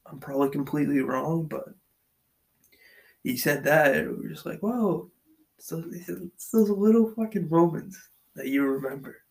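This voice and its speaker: A man's voice: fairly high pitch, normal speed, vocal fry. A man hosting his own podcast, talking in a loose, profane, rambling monologue while pacing in a basement. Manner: profane, loose and chatty, lots of fillers. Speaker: podcast host. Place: basement, pacing back and forth. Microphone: extension-wired mic, uneven level.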